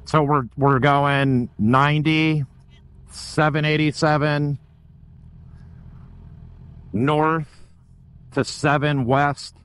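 Laid-back rider. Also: male voice, fairly high pitch, steady tone, takes it slowly, fairly bright tone, smooth, low-quality recording. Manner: laid-back, swearing, chatty. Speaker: motovlogger. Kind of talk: casual ride commentary. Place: on a motorcycle on a highway. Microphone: helmet mic. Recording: wind and engine noise behind.

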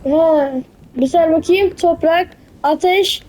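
A young woman with a noticeably high voice chats to a teammate while she plays. Her voice rings back with a hollow, cave-like echo, as if the room around her throws every word back. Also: slow pace, darkish tone, slight background noise. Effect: echoing voice, as if in a cave. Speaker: gamer commenting on her own match. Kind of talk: casual let's-play commentary.

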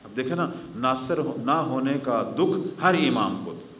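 A man giving a mourning-gathering sermon as a religious scholar, telling stories dramatically and swinging between raised declamation and hushed grief. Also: mid-range voice, animated, a little hiss or hum. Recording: roomy hall echo.

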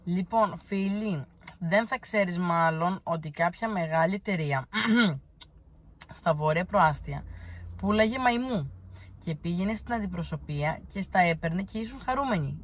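A woman's voice: on the low side, a little hiss or hum. A woman from Crete, answering viewer comments in a blunt, teasing, chatty way. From Crete, Greece. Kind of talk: casual chat.

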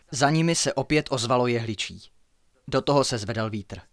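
A man reads his own horror story aloud in a hushed, suspenseful manner, at times dropping to near-whispers. His voice sits on the low side.

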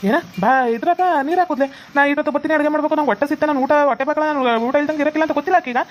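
A woman's voice: high voice, racing, highs cut off, natural voice. A woman voicing a bossy young husband and brother who scolds his wife, with a North Karnataka Kannada accent. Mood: scolding.

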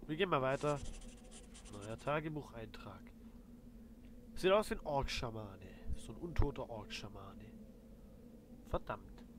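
A man giving casual gameplay commentary as a let's play host, thinking aloud in colloquial speech. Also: medium pitch. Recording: loud game noise behind voice. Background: video game sounds.

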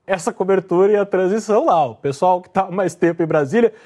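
Brazilian male news anchor, middle-aged, high voice, halting amused delivery, live and conversational. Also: dark tone. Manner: amused, halting, struggling not to laugh. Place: TV newsroom studio. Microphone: lapel.

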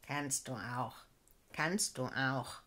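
A woman storyteller voicing a gruff but friendly male golden beetle in a fairy tale. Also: rumbling low, sharp tone, voice pushed down, heavily acted. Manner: growling, slow.

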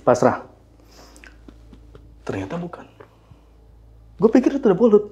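A man with telling a hiking story in a casual, animated way, acting out voices and sounds. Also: sits high, a little slow, lo-fi sound.

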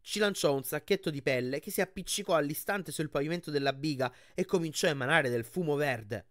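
A man reading a novel aloud for his channel, expressive and lively in his storytelling. His voice sits fairly high for a man. The recording is dry and close, with no room sound. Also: brisk, no echo. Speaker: audiobook reader and channel host.

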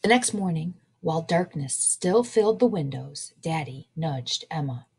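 A woman librarian reading a children's picture book aloud in a slow, expressive way. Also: low-pitched, slightly rough.

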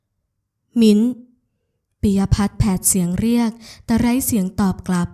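Mellow-voiced woman narrating a novel. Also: mid-range voice, fairly even intonation, brisk. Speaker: audiobook narrator. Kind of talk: scripted narration.

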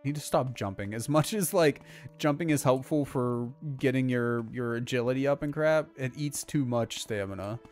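A man's voice: medium pitch, normal speed, a little mellow, soft background music. A young man casually chatting with his viewers as he streams a game, rambling along with lots of filler words. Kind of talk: casual live-stream chat while playing.

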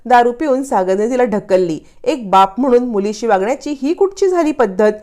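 A woman's voice: on the high side, expressive, normal speed, warm tone, close to an everyday voice. A woman voicing a protective young mother in a drama recap, earnest and insistent. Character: firm, protective young stepmother.

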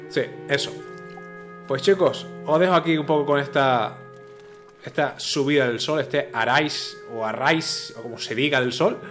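A man's voice: medium pitch, normal speed, a bit bright, faint music behind. A man, a gaming video host giving casual gameplay commentary, chatty and thinking aloud with repeated filler words.

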